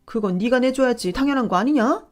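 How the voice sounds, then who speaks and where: A woman voicing a domineering older mother-in-law who scolds in a booming, condescending voice. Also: brisk, soft background music, lightly acted. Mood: scolding.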